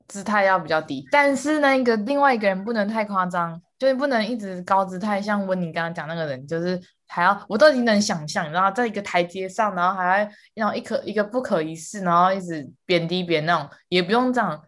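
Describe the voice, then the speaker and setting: A woman co-hosting a casual chat podcast, animated and quick to repeat words for emphasis, laughing often. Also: medium pitch. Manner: calls herself quick to anger. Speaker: podcast co-host.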